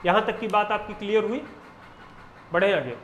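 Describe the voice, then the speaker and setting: A man's voice: sits high, a bit bright. Man, teacher, exam lecture, asks and answers his own questions, roomy echo, faint hum behind. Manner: drills terms with questions and answers to students; spells out Sanskrit definitions slowly word by word.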